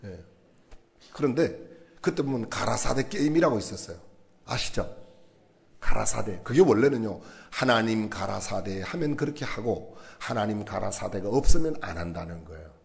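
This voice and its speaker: A man preaching a sermon in a church, animated and asking the congregation questions. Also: lowish voice, normal speed, vocal fry. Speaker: pastor.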